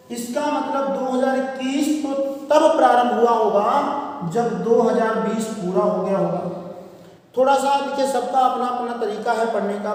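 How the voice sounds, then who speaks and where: A man's voice: very high-pitched, darkish tone. A man teaching a classroom math lesson, asking questions and answering them himself. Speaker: reasoning teacher. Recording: echoey room, voice far from the mic.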